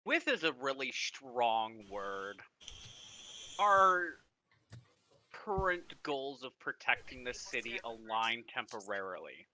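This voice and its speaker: A man's voice: medium pitch, slow pace, slight background noise, poor audio. A man playing a tabletop game, joking and talking in character at the table. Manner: jokey, animated. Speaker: player. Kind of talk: casual game-table chat.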